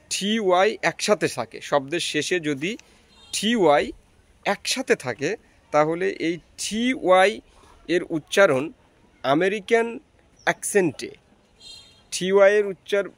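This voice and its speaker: A man whose first language is Bengali gives a pronunciation lesson. His voice sits a little high. He talks slowly, explains each rule step by step, and repeats every example word. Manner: slow, repetitive, explaining step by step. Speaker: English teacher.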